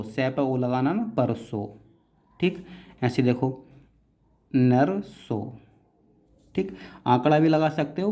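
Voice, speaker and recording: A man's voice: medium pitch, mellow. A man teaching shorthand step by step, patiently breaking words into syllables and strokes and calling his students "beta".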